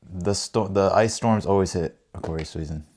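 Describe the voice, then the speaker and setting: Against background noise, a man with a low voice talks at normal speed as he hosts a tarot livestream, rambling informally and circling back to the same phrases. He's American, raised in Ohio and Texas, mixing casual chat with card readings.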